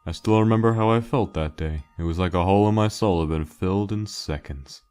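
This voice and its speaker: The skeleton is a weary, guilt-laden joker, voiced low by a man in a dramatic comic dub. His natural voice sounds clear, resonant, and a little mellow as he haltingly, wistfully tells his story over faint music, subdued and reflective.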